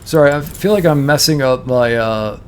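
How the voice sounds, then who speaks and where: A Toronto man with a Canadian accent streams a game, chatting casually in a mid-range voice at a moderate pace against slight background noise. Sounding tired, he thinks aloud and corrects himself during the let's-play.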